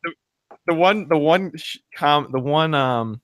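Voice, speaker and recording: A man's voice: fairly high pitch, unhurried, a bit bright, no echo. A man hosting a casual chat, hesitant and stumbling as he searches for words.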